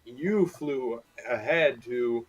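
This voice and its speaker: A man's voice: medium pitch, extremely slow, husky, rough recording. A man running a tabletop game as game master, recapping in a casual, rambling way with many fillers.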